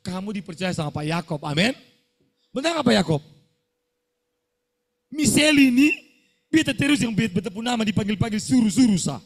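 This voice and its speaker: A middle-aged man preaches, his voice sitting high and swinging wildly up and down. He scolds his listeners and keeps firing questions back at them. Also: lively intonation, moderate pace, pauses often. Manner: scolding, fiery preaching with call-and-response questions. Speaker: pastor. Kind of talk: sermon.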